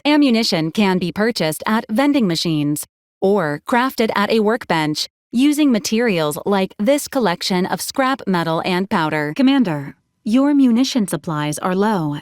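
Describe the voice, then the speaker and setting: Voicing a courteous, literal-minded robot assistant in a video game, a woman reads scripted lines with formal precision and clinical detachment. Her mid-range voice is a little mellow and near her everyday one. It's a dry, studio-quality recording.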